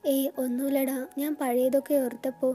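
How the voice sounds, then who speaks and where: A woman voicing a tender young husband in a storybook narration, speaking softly and soothingly. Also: sits high, little pitch movement, normal speed, soft background music. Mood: subdued. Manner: soft, soothing and affectionate. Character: tender young man, gentle and teasing husband.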